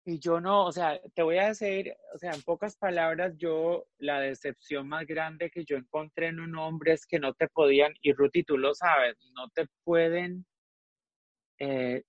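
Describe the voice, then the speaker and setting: A woman's voice: sits low, unhurried, dry recording, lo-fi sound. A woman chatting on a talk show panel, telling stories animatedly and acting out both sides of conversations. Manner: animated storyteller, acts out both sides of phone calls. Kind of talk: casual chat.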